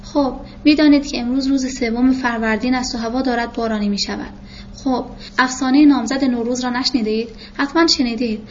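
A woman's voice: a little high, steady tone, close to an everyday voice. A woman voicing a talkative middle-aged male doctor who courts a young girl, in a muffled recording with faint hiss. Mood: storytelling. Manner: talkative, storytelling.

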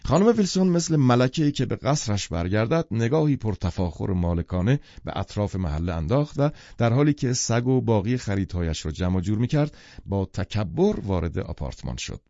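A man reading a novel aloud in a measured, expressive way, his voice low and dark with lively rises and falls in pitch. The recording is dry and a little dull in tone. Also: creaky, dry recording. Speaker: audiobook narrator. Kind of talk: scripted literary narration.

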